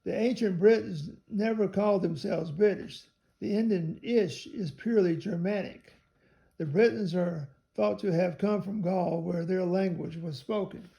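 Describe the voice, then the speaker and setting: A man with a high, gravelly voice reads a book aloud in a measured, careful way. He spells out some words letter by letter as he goes. His tone is dark and mellow. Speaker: reader of a theology text.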